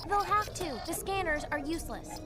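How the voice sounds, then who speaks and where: A spirited teenage girl apprentice in an animated series. Her voice is high, eager and very lively in pitch, with music clearly behind it. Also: normal speed.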